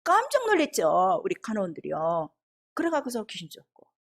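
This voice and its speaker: Animated middle-aged woman preacher. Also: medium pitch, brisk. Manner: animated storytelling with laughter and acted quotes. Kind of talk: testimony sermon.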